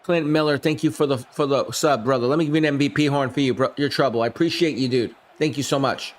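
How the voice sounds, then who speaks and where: Calling a video game football simulation on a live stream, this man speaks at a quick pace in a hoarse, flu-worn, medium-pitched voice with fairly even intonation. He chats with his viewers between plays and shouts on the big ones.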